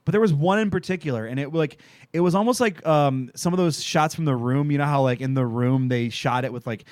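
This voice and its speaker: Smooth-voiced man hosting a casual podcast. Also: a little high, brisk, darkish tone, no room sound, clean studio sound. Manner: rambling, swears freely, laughs often. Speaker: podcast host recapping a TV show. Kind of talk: casual chat.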